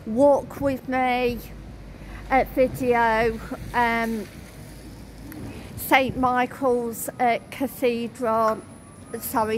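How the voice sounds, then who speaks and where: With a fairly high voice, a woman in her thirties does walk-and-talk vlog narration on city streets, halting often on ums and uhs as she indicates shops and sights. She holds her phone camera at arm's length, and traffic and street ambience run underneath.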